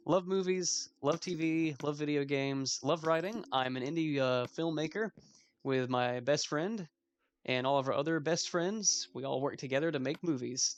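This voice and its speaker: Gravelly-voiced young man rambling over gameplay. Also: a little high, brisk, slight background noise. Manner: rambling, self-mocking asides. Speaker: let's play host. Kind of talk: casual gameplay commentary.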